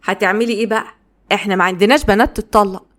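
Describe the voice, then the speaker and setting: A woman's voice: medium pitch, fairly even intonation, racing, a bit bright, close to an everyday voice. Woman voicing a fussing Egyptian mother in her forties. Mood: coaxing. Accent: Egyptian Arabic. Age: 40s.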